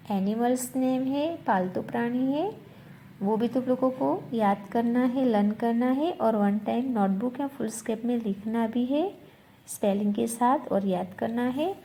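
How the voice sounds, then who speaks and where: A woman's voice: a little high, dark tone, slight background noise. A woman teacher leading a revision lesson, spelling words letter by letter, repeating them and answering her own questions. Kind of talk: slow classroom revision lesson.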